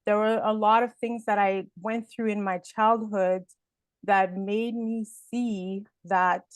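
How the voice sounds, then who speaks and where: A woman's voice: medium pitch, fairly even intonation, takes it slowly, clear, resonant tone, no room sound. A woman born in Haiti and raised in Canada, a personal development speaker answering interview questions in a reflective, hesitant way.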